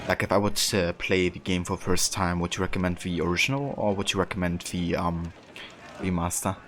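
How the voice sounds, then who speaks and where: Male game streamer, low register, relaxed conversational delivery with thoughtful hesitations, clear game noise underneath. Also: fairly quick. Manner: hesitant, thoughtful, reads and answers chat. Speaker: video game livestreamer. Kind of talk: casual chat with viewers while playing. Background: game ambience.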